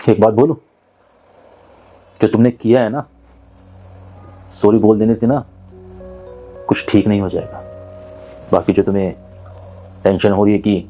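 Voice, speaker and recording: A man playing a stubborn young husband who answers in a curt, defiant way, with a husky voice. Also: on the low side, fairly even intonation, measured pace, long pauses, warm tone. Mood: cold. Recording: muffled lo-fi sound. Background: faint background music.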